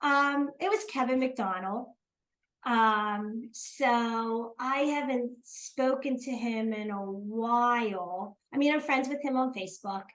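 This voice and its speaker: Slow and somewhat bright, this high-leaning voice belongs to an older woman from South Jersey with a matching accent. In a casual interview she keeps pausing with ums and starting over, on a rough recording.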